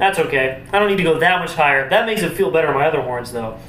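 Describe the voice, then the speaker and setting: Guy with a lightish higher voice explaining brass warmups, informal, echoey room, kinda far from the mic. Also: animated, fast, faint music behind. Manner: informal, explanatory, thinking aloud. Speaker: brass instrument teacher demonstrating warmup exercises. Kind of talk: casual instructional talk to camera. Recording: roomy, distant mic with faint noise.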